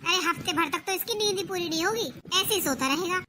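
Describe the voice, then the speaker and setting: A woman's voice: very high voice, quick pace, noisy background. Woman playing an indulgent mother-in-law. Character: indulgent mother-in-law, taking her daughter's side. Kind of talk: village family comedy skit.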